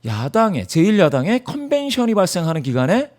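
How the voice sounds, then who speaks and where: A man's voice: high voice, wildly swooping pitch, a little fast, darkish tone. A man in a studio interview, explaining poll data emphatically and asking himself rhetorical questions. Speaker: poll analyst guest.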